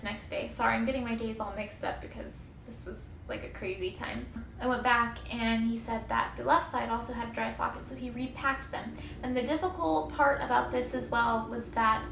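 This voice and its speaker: Speaking casually to the camera, a vlogger shares a candid, conversational account of her recovery, stressing how uncomfortable everything felt. Her voice sits on the high side and sounds slightly bright. The room is echoey, with faint noise in the background.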